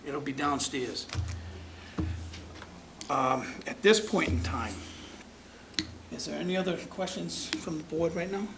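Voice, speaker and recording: This town commission chair has a slightly high voice with vocal fry, speaking slowly and pausing often. His public meeting remarks are folksy, plainspoken and rambling, captured in a noisy public-access recording.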